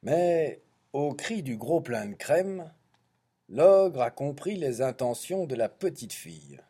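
A man's voice: fairly high pitch, lively intonation, slow pace, dark tone, husky. A man reading a children's story aloud, playful and full of teasing asides.

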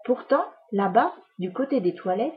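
A woman reading a children's storybook aloud in a soft, hushed narration. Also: on the high side, lively intonation, normal speed, narrow, tinny audio.

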